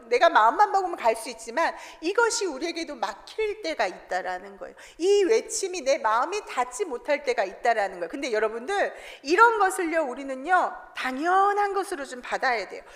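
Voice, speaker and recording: Woman preacher, high lively voice, echoey church hall, keeps asking the room questions. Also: fairly quick, hardly any pauses. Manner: animated, asks the congregation questions and answers them. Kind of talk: sermon. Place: church sanctuary.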